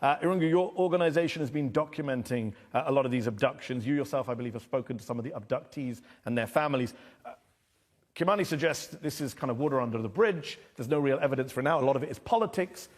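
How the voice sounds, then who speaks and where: A man's voice: medium pitch, fast. A man hosting a confrontational TV interview, pressing his guest with incredulous questions. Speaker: TV interviewer and host.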